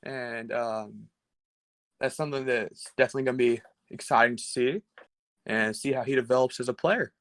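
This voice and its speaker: A man's voice: mid-range voice, moderate pace, fairly bright tone, no echo. Man on a dry mic, assured. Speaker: panelist. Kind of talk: casual panel discussion.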